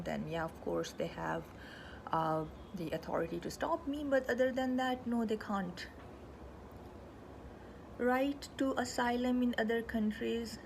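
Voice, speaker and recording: Gravelly-voiced woman talking through a list. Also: lowish voice, background noise. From Pakistan, raised in Canada. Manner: conversational, walks through items one by one. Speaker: speaker on human rights. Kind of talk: informal explanatory talk.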